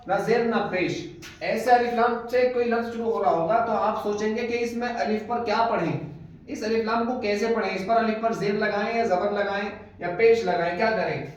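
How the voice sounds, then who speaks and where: A man teaching rules of Quran reading in an online lesson, patiently repeating each rule several times. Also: high-pitched. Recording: echoey, dull, distant mic.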